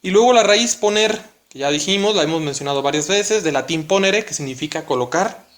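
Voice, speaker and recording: A man's voice: on the high side, lively intonation, brisk, a bit bright. A man teaching a lesson, explaining patiently step by step and often checking in with the listener. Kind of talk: recorded classroom lesson.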